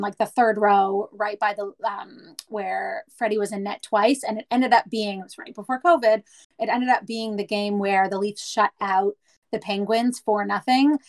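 A woman's voice: mid-range voice, rough recording. Woman, mid-thirties, from Canada, casual storyteller, easy rambling chat. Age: 30s. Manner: chatty, storytelling, with small restarts.

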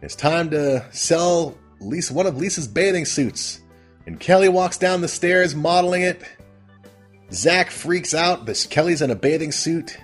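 A man's voice: a little high, animated, measured pace, breathy edge, faint music behind. A man hosting a casual comedic recap of a TV episode, rambling and amused at his own retelling. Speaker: host.

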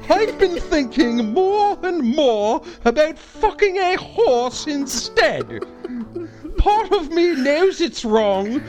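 A high, swooping falsetto of a flirty British woman, as a man puts her on, drawn out and breathy. The pitch leaps around, and faint music sits underneath. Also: heavily acted.

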